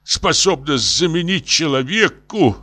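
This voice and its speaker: A man voicing a drunk, distraught middle-aged professor who pleads in high, drawn-out wails. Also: expressive, pushed and bright, exaggerated voice. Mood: anguished.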